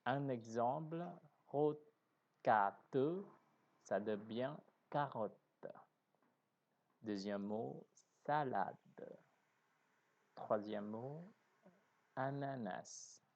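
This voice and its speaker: A male teacher speaking at an extremely slow, deliberate pace, stretching out each example word so beginners can catch it. He often stops to correct his own wording. His voice is a mid-range pitch, and the recording is dull and somewhat lo-fi. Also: gravelly, darkish tone. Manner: slow, deliberate, carefully articulating words; corrects himself mid-sentence. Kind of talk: beginner French lesson.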